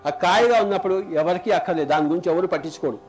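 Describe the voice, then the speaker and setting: High-voiced Telugu-accented spiritual teacher. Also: male voice. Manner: rhetorical questions, repeats lines for emphasis; chants Sanskrit verses slowly, drawn out. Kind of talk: spiritual discourse.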